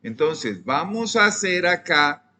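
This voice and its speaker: A young Colombian man leading a live coding lesson at an unhurried, deliberate pace, his voice sitting a little high for a man. He keeps asking his students what comes next and dictates the code bit by bit, often letting his sentences fade off quietly. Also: sing-song, a little hiss or hum. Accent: Colombian Spanish. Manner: often trails off softly. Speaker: programming teacher.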